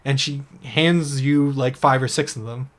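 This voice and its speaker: A man narrating as game master in a tabletop game, halting and casual. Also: mid-range voice, steady tone, a bit bright. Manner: halting, with restarts and fillers.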